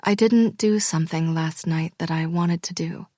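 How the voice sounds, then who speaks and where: A woman voicing a young heroine in a romance audiobook, speaking her lines softly, close to a whisper. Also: low-pitched, moderate pace, no echo.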